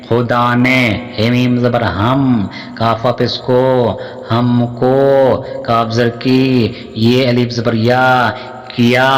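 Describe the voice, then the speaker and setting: A man with a Pakistani accent teaches Urdu reading, sounding out each word letter by letter at a very slow pace. He stretches the syllables and repeats each word. His voice sits at a middling pitch and carries a long reverb, as if in a hall. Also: fairly bright tone. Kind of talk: spelling out words letter by letter.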